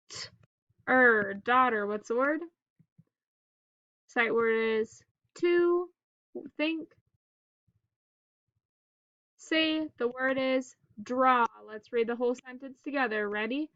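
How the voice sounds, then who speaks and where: A woman teacher leading a phonics drill for children in staccato, clipped single words with pauses between them. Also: high-pitched, sharp tone, dry recording, muffled recording.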